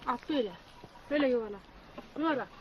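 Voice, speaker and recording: High quick woman bossing someone through cooking, lots of noise. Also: lo-fi sound. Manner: brisk, coaxing instructions. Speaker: host family member teaching cooking. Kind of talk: instructive casual talk. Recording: noisy recording from off-mic.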